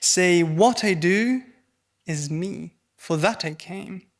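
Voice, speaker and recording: A young man, a postgraduate student, reading his poem very deliberately, his voice trailing away almost to nothing at line ends. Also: high voice. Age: young adult. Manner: very slow, deliberate reading that trails off to near silence. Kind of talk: poetry recitation.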